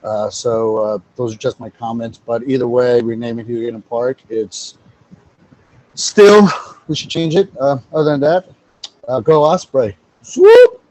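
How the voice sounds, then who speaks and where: A man on a city council makes casual comments with a joking tone. His voice sits at an ordinary middle pitch. He speaks loosely and informally. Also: fairly even intonation, normal speed, dark tone, poor audio. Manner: casual, jokey. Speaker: council member. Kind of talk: council meeting discussion.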